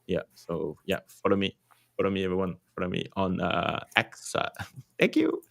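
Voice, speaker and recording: A man's voice: sits low, sing-song, moderate pace, gravelly, fairly bright tone. A man with a French accent hosting a casual crypto livestream, rambling with lots of fillers, swearing and laughing.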